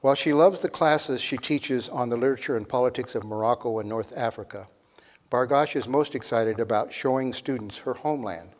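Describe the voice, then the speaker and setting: Older man reading an introduction in a hall. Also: mid-range voice. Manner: measured, reads from a sheet. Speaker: lecture series moderator. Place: large hall with seated audience. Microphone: podium mic on a stand. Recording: long reverb in a hall.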